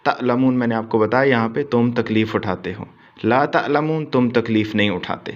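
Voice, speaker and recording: A man teaching correct Quran pronunciation, patiently repeating words slowly to show how the meaning changes. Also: mid-range voice, dull audio. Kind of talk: explanatory Urdu lesson on Quran pronunciation.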